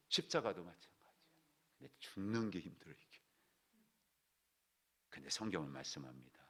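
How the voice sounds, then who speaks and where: A low-voiced male pastor preaches in a church, his pitch leaping all over the place. He drives his points home with sudden loud bursts, then drops to hushed near-whispers. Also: husky. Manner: animated preaching, swings from loud exclamations to hushed asides. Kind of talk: sermon. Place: church sanctuary.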